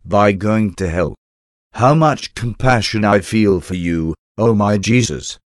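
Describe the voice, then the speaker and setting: A man slowly reading a devotional prayer aloud in a reverent, measured way. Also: on the low side, no room sound, studio quality. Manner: slow, reverent, measured recitation.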